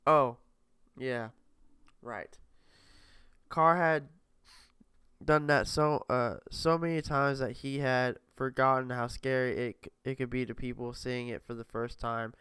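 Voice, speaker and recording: A man's voice: medium pitch, fairly even intonation, measured pace, fairly bright tone, clean tone, no echo. A young man casually reading a novel aloud, often stumbling over words and correcting himself. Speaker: reader.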